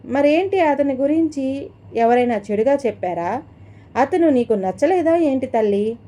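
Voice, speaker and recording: A gentle middle-aged father asks his daughter soft, patient questions in an audio story, as a woman narrator plays him. The voice stays high and mellow. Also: expressive, a little slow. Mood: coaxing.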